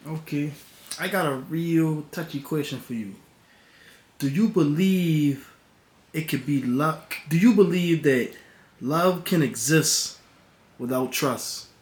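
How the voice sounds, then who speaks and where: A man hosting a podcast, asking his guest interview questions in a quiet, measured way. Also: a little high, echoey room.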